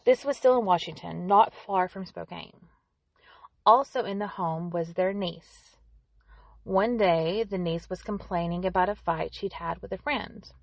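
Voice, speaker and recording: A woman's voice: fairly low pitch, a little slow, creaky, no echo. A woman hosting a true-crime podcast, narrating a scripted story with conversational asides to the listener.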